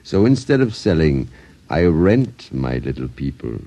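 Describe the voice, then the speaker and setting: Sly dollmaker. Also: male voice, very deep voice, big pitch swings, a little slow, mellow, exaggerated voice. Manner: formal, flowery phrasing. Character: old Italian dollmaker, courtly and sly. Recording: dull 1950s radio recording.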